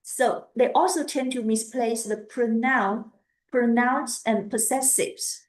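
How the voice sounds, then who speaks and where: A woman giving a lecture on language teaching, speaking haltingly and repeating words as she goes. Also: a little high, steady tone, roomy sound, rough recording.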